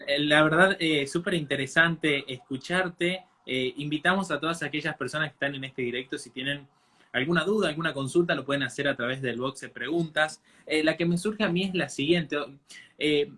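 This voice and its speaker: A man hosting a live interview who asks his questions hesitantly, with many pauses. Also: on the high side, bright, forceful tone. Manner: hesitant, many fillers and restarts. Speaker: host.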